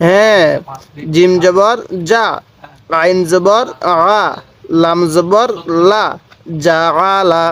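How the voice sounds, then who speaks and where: A man's voice: high voice, fairly even intonation, fairly bright tone. A man teaching Quran reading, spelling words out syllable by syllable and prompting the viewer to repeat after him. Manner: slow, drawn-out syllable-by-syllable spelling. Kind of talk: step-by-step recitation lesson.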